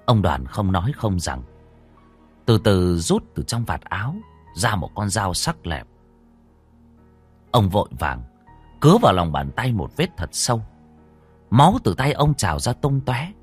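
A man narrating a horror story in a dramatic, expressive storytelling manner. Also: on the low side, slightly rough. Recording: dry close voice over faint music.

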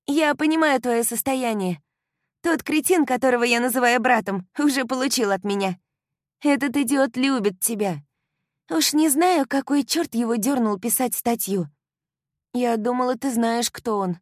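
A woman reading an audiobook, voicing an excitable young woman who talks loudly and breathlessly as a best friend. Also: moderate pace, no echo, studio quality, close to an everyday voice. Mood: excited. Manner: high, loud, breathless exclaiming. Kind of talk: audiobook character voice.

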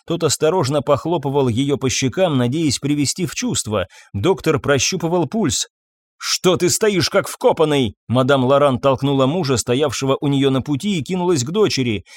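A man narrating a tense story in expressive scripted narration. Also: mid-range voice, brisk, hardly any pauses, no echo. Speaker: audiobook narrator.

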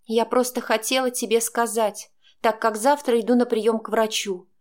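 A woman voicing a defiant young pregnant daughter who speaks in an agitated, sharp way. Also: on the high side, fairly even intonation, moderate pace, lightly acted.

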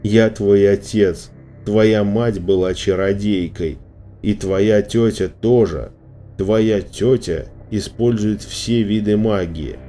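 A man doing a slow, booming giant snowman. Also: fairly even intonation, warm tone, soft background music. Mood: commanding. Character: huge thundering male snow creature, commanding.

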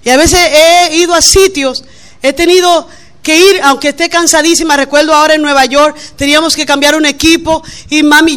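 A middle-aged woman preaches to her congregation in a high, bright, forceful voice. She is lively and playful, acting out everyday quotes in between her points. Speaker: pastor. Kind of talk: sermon. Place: church.

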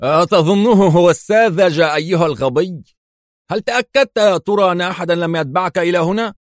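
A man voicing a bald, scheming crime boss who speaks slowly and mockingly. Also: lowish voice, dry recording, clean studio sound, close to an everyday voice. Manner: slow, deliberate, mocking.

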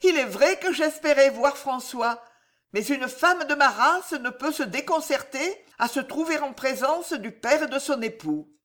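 A woman's voice: high-pitched, unhurried, pitched above the performer's own voice. A woman voicing a wronged young noblewoman in an audiobook, trembling yet dignified as her words grow more intense. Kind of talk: audiobook reading.

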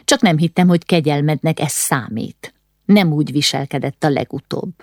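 A woman voicing a defiant, proud young woman speaking with steady calm. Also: low-pitched, dry recording, studio quality.

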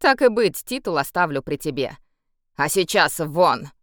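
A woman reading a cold possessive emperor, commanding, lively intonation, audiobook character, dry close recording. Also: fairly low pitch, moderate pace, clear, resonant tone, dry recording, lightly acted. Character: cold, possessive male emperor with a beastly temper.

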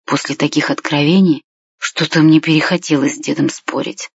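A woman with a husky voice narrating a children's story in the first person as a boy, in a calm storytelling manner. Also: low-pitched, normal speed, dry recording. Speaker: audiobook reader. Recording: dry, slightly muffled lo-fi recording.

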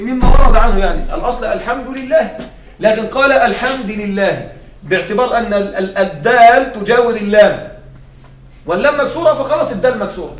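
High-voiced man lecturing in an echoey room. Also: slight background noise. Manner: explains step by step, often asks the class to confirm. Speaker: Arabic grammar teacher. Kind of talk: classroom lecture. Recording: echoey room, far from the mic.

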